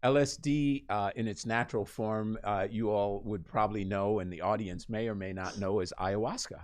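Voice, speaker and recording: A man's voice: fairly low pitch, fairly even intonation, normal speed. A man from Costa Rica hosting a radio talk show, asking questions in a chatty, joking way with many restarts. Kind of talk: casual interview chat.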